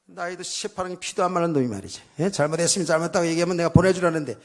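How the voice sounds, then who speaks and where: A man's voice: on the high side, rapid-fire. A middle-aged male pastor preaching a conversational sermon, acting out quoted voices. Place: church sanctuary. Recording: long hall reverb.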